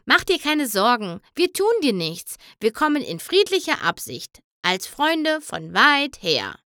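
A woman's voice: on the high side, very animated, measured pace, pushed and bright, dry recording, clean studio sound, voice pushed up, exaggerated voice. A woman voicing a cheerful young female pony princess who talks in a friendly, reassuring way.

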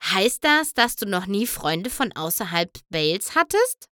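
Woman playing a young dragon boy, blunt and casual, bright tone. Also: mid-range voice, big pitch swings, unhurried, no echo, clean studio sound. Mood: relieved. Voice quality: relieved, blunt. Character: young male dragon sidekick, jumpy.

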